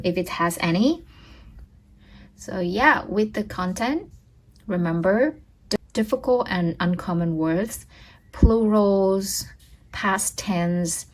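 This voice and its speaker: A woman's voice: fairly low pitch, poor audio. A young adult woman giving a casual tutorial on exam speaking, repeating practice words and checking in with "okay?". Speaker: test-prep tutor.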